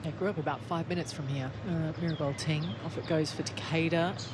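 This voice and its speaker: A man's voice: fairly high pitch, steady tone, fast talker. A man working as a golf commentator, giving conversational live analysis of shots and play. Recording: clear outdoor background noise.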